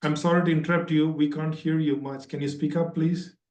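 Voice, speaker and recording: Guy hosting a webinar over a video call, bit higher voice, sounds roomy and far from the mic. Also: level tone, brisk, darkish tone. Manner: upbeat, greets attendees by name. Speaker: webinar host. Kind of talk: casual online webinar hosting. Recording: roomy, distant, dull video-call audio.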